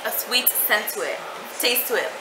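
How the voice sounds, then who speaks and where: A woman's voice: a little high, expressive, normal speed, sharp tone. A young woman in casual, giggly, teasing banter as she reacts to eating gross jelly beans. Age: young adult. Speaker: challenge vlogger. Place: home kitchen area, indoors. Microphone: camera or webcam at arm's length. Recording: roomy, noisy home camera audio.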